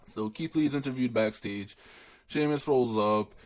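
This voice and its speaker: A man's voice: mid-range voice, a little slow, poor audio. A young man giving a rambling, profane, dismissive solo recap of a wrestling show, with lots of restarts.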